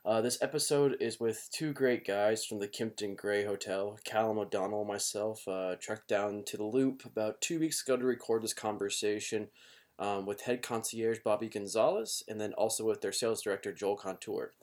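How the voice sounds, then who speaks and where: A man's voice: fairly low pitch, steady tone, normal speed, darkish tone. A man hosting a podcast, giving a casual, rueful and apologetic spoken intro recorded in a home basement. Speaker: podcast host.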